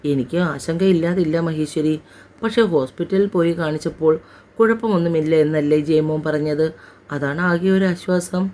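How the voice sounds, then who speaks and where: A fussing older grandmother frets over her family in a storybook drama, urgent and scolding, voiced by a woman narrator. Her tone is mellow and warm. It stays close to the reader's own voice. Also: low-pitched, normal speed, close to an everyday voice. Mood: worried.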